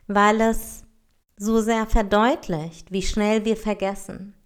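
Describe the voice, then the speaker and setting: Woman narrator, calm and gentle, reading a story aloud. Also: medium pitch, slow, smooth. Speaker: speaker reading a story to an audience.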